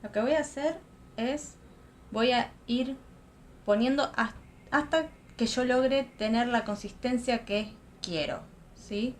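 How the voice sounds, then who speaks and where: A woman's voice: a little high, slow pace, a little hiss or hum. A young woman, chatting casually through a makeup tutorial at home and thinking aloud. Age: young adult. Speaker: makeup vlogger. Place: home room, close to a lamp.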